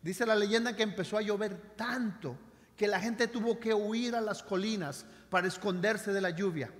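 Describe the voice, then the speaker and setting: A male pastor preaches with dramatic swings between loud emphasis and hushed lines. His voice sits high, and the sermon echoes with a long reverb through the church hall. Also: moderate pace. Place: church sanctuary.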